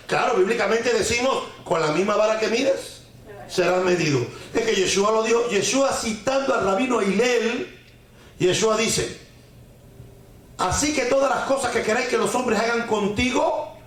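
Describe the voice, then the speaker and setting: A man with a fairly high voice teaching a sermon on the weekly Torah portion. He keeps asking rhetorical questions and repeating lines for emphasis, dropping in Hebrew terms and folk sayings. The recording rings with heavy echo from the room. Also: fairly bright tone. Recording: very echoey room.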